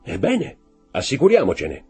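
A man's voice: medium pitch, huge pitch swings, moderate pace, creaky, husky, faint music behind, pitched above the performer's own voice, exaggerated voice. A man putting on an imperious, cold nobleman. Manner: imperious, commanding.

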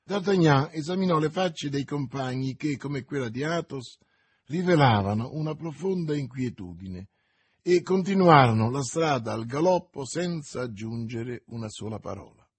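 A man narrating an audiobook in a steady, expressive reading voice. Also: mid-range voice, normal speed, husky.

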